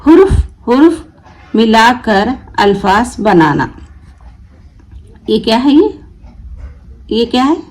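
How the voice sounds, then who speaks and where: Woman, teacher, slow, patient, sounds out letters, answers her own questions. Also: fairly high pitch, expressive, low-quality recording. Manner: asks questions then answers them herself. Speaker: Urdu teacher. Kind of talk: reading lesson.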